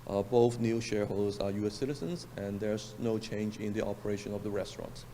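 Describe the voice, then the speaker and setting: A man's voice: fairly low pitch, fairly even intonation, fairly quick, dark tone. A man presenting a business application, speaking hesitantly with many fillers. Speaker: applicant's representative. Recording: long reverb, faint room noise.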